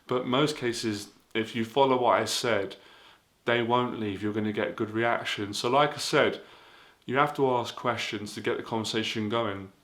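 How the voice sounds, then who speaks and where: A man's voice: mid-range voice, normal speed, fairly bright tone. A man giving casual dating advice in an earnest, repetitive way, full of fillers. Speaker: dating coach.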